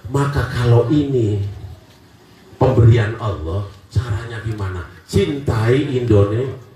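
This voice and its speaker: A man with a Javanese accent preaching a sermon to a crowd, joking and swinging between loud, emphatic lines and quiet ones. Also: mid-range voice, takes it slowly, slight background noise. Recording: echoey from far off.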